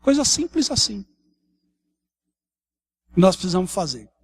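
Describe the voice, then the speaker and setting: This São Paulo–accented Brazilian man has a high, slightly rough voice and an unhurried pace. Preaching a morning sermon in a church hall, he keeps it conversational, tacking questions onto his sentences and shifting in lively ways.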